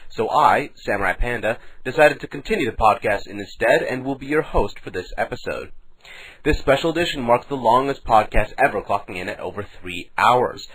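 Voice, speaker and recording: A man's voice: medium pitch, a bit bright, breathy edge, rough recording. A man hosting a podcast episode in a formal, announcer-like way. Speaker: podcast host.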